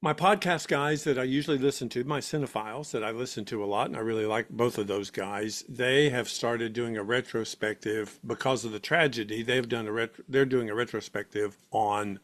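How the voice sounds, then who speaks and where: A man's voice: medium pitch, fairly even intonation, brisk, few pauses, a bit bright. A man co-hosting a podcast, enthusiastic and prone to stammering and restarting sentences. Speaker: podcast co-host. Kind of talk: casual chat.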